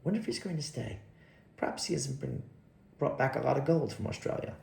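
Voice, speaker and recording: A chatty young parlour maid, light and careless in her talk, as a man reads her in an audiobook. The voice is lifted a bit higher, gravelly underneath. It sounds like an echoey room. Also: animated, fairly quick, mellow.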